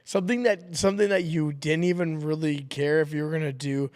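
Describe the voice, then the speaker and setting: Male podcast host, slightly high voice, short casual prompts to the guest. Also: fairly even intonation, fairly quick, darkish tone. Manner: brief encouraging prompts and questions. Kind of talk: casual interview. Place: podcast studio.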